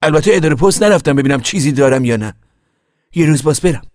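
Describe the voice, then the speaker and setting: A man's voice: a little high, expressive, a little mellow, dry recording, studio quality, voice pushed up, lightly acted. A man voicing a lonely, wistful middle-aged man who stays behind on the land.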